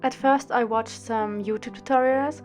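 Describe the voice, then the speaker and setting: A woman's voice: fairly high pitch, normal speed, soft background music. A woman of twenty-one from Austria, narrating a drawing video in a careful, scripted way. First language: German. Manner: careful, steady, read-out delivery. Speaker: art student and drawing channel host.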